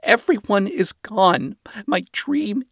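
A man's voice: high-pitched, expressive, slow, a bit bright, breathy edge, dry recording, studio quality, pitched above the performer's own voice, exaggerated voice. A man voicing a heartbroken young demon princess who speaks in tearful despair.

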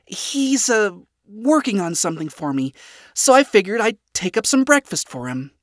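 A reader voicing Charlie, a flustered, upbeat young princess, in a high, eager voice, in a read-aloud story. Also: very animated, normal speed, dry recording, clean studio sound, natural voice. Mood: sheepish. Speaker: audiobook reader voicing characters.

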